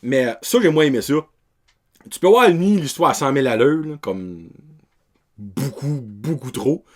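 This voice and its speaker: A man's voice: mid-range voice, expressive, measured pace. A young man with a Québécois French accent, hosting a casual film review podcast in a rambling way, dropping English words and slang as he goes. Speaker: podcast host.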